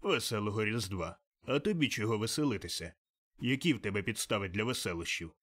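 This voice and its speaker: A man voicing Scrooge, a stingy old miser, in a gruff, curt, grumbling manner for an audiobook. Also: on the low side, expressive, a little fast, a bit bright. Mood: scornful grumbling. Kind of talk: audiobook character reading.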